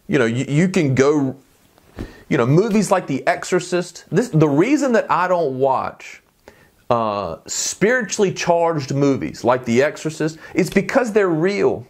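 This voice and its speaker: Preaching with a voice on the high side, this man teaches conversationally, frequently checks in with his listeners, and reads scripture passages at a quick clip.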